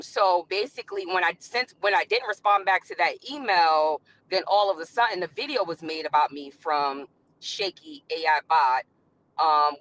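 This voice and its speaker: A woman's voice: mid-range voice, fairly bright tone, rough recording. Woman calling in from her car. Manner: rambling, with many "um"s. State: driving, speaking from a car. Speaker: caller on a live stream. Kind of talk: casual explaining.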